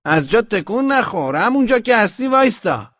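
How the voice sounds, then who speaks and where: A stubborn, simple-minded young soldier standing guard, voiced by a man, pushing his point in a raised, insistent voice pitched above the storyteller's own. The audiobook recording is dry and a little dull, with no room around it. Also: sing-song, a bit bright, dry recording, big-room sound, full character voice.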